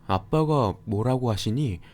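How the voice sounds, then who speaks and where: A man's voice: mid-range voice, expressive, unhurried, darkish tone. A man voicing a worried mother who calls out anxiously for her husband. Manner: anxious, calling out. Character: worried middle-aged mother.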